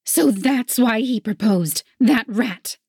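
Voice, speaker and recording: A woman's voice: fairly high pitch, animated, normal speed, creaky, husky, dry recording, studio quality, pitched above the performer's own voice, full character voice. A woman doing an indignant chocolatier. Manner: indignant and sharp. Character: indignant winged female chocolatier, proud.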